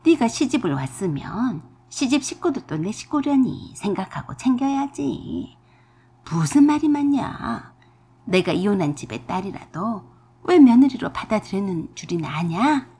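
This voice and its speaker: A greedy, overbearing older mother-in-law, put on by a woman reading a radio drama. She scolds and wheedles with a husky, breathy edge. Her pitch rises and falls widely through each demand. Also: big pitch swings, a little slow, exaggerated voice. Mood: scolding. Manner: domineering, scolding, shouting.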